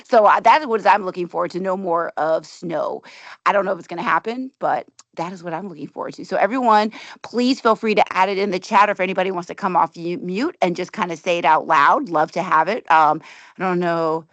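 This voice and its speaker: A woman's voice: on the low side, brisk, dry recording, lo-fi sound. A woman leading an online meeting while driving. She chats casually, laughs often and makes fun of herself. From Washington, D.C. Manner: chatty, laughing often, self-mocking. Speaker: meeting facilitator. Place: in a car, driving. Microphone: video call.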